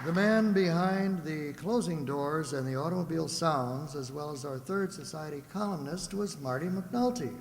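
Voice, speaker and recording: Announcing live on stage for a radio-play group, a man speaks at a moderate pace in a voice on the high side, with hardly any pauses. He's folksy and conversational, drifting into rambling asides, in a reverberant, noisy hall before a live audience.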